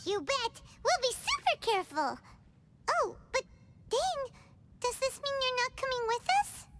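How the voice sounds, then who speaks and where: Small, bubbly game fairy: very high and squeaky, lively swoops, slight noise. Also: female voice, a little slow, exaggerated voice. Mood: eager. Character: small chirpy floating fairy companion, chatty.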